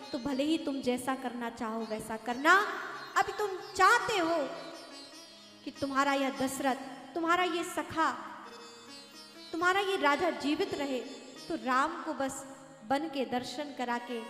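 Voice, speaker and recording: Grieving old king begging his minister, done by a lady preacher, high bright voice, echoey hall. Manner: urgent, commanding pleas. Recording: echoey hall with faint music.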